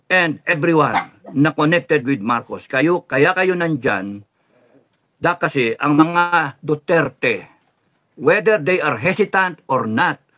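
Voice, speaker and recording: A man's voice: on the high side, sharp tone. A man ranting angrily in a political vlog, cursing often and switching into English. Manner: heated, cursing, mixes Tagalog with English. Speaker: political vlogger. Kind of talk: angry political vlog rant.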